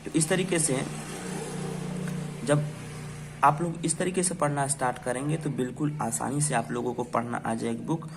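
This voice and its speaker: A man teaching English reading to beginners, spelling out words letter by letter, asking quick questions and answering them himself. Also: medium pitch, steady tone, creaky, background noise. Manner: repetitive, checks in with "ठीक है" and quiz questions. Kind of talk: phonics lesson for beginners.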